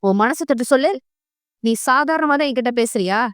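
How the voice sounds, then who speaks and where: A woman narrator puts on a young man in a temper, snapping out harsh, fast rebukes in a storybook reading. The voice stays smooth and dry, pitched high. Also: animated, no room sound. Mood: angry scornful. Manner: harsh, rapid scolding. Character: young man, angry, scornful cousin.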